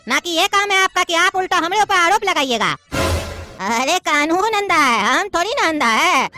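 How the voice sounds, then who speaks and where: A woman's voice: extremely high pitch, pushed and bright, exaggerated voice. Woman voicing a bossy old judge with a lilt. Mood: scolding. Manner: bossy, mocking, lecturing. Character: pompous old male judge near retirement. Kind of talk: cartoon comedy dubbing.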